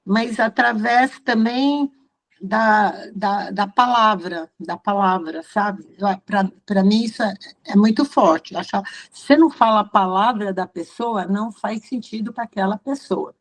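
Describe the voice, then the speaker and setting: A Brazilian woman shares a story in a casual group mentoring call. Her voice is mid-range in pitch. She acts out the back-and-forth of the conversation as she tells it. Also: measured pace, poor audio. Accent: Brazilian Portuguese. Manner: storytelling, acts out quoted exchanges.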